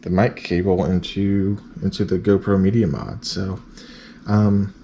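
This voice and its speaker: A man's voice: sits low, level tone, measured pace, mellow, slight background noise. A man giving a casual how-to vlog, laid-back and thinking aloud as he goes. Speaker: vlog host.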